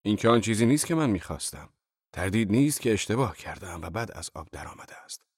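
A man's voice: fairly low pitch, big pitch swings, slightly rough, no room sound, clean studio sound, pitched above the performer's own voice, exaggerated voice. A man voicing a grumpy, irritable male creator god who barks scornful commands in a told tale. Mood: disgusted.

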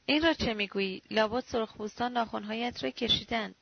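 A woman voicing a middle-aged man who pities and tries to reason with his frightened friend, in a dull, dry recording with a gravelly edge. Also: a little high, dry recording. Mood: pitying. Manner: pitying, soothing, sometimes roaring. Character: exasperated, pitying middle-aged male friend.

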